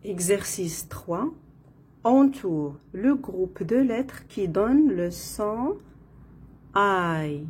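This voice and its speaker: A woman with an Arabic accent teaching French phonics, repeating each word slowly and counting the syllables. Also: medium pitch, expressive, darkish tone. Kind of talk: slow, deliberate phonics lesson. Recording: faint background noise.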